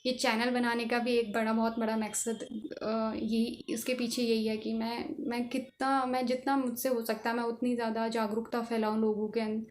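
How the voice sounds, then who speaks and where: A woman's voice: on the high side, little pitch movement, moderate pace, hardly any pauses, slight background noise. A woman telling a personal story on her own vlog channel in an earnest, emphatic way. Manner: earnest, emphatic, passionate about social causes. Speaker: channel creator.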